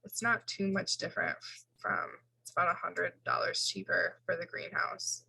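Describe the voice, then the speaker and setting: A woman's voice: fairly low pitch, flat delivery, moderate pace, vocal fry, sharp tone, husky, dry recording, low-quality recording. A woman instructor giving an informal recorded lecture, walking through slides in a casual way with fillers and self-corrections.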